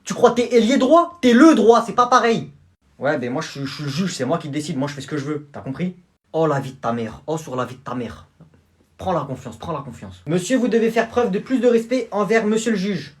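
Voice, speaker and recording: A young performer acting out comedy sketches in many roles, with quick street slang and blustering back-and-forth. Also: medium pitch.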